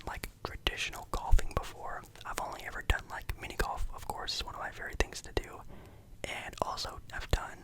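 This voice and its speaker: A man hosting in a whispered ASMR style, very close, as if right in the listener's ear. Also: rough recording. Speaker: ASMR video host.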